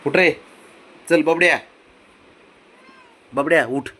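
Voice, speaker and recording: A young man, coaxing and sweet-talking his pet cat at home, repeating himself softly. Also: fairly high pitch, slow. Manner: coaxing, repetitive, soft-spoken with a pet. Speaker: cat owner. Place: home, indoors.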